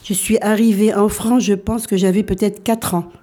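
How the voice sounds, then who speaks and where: A woman's voice: mid-range voice, fairly even intonation, moderate pace, mellow. Hesitant Algerian-born woman in her sixties. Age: 60s. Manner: hesitant, many fillers and restarts. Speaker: radio guest. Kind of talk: radio interview, personal life story.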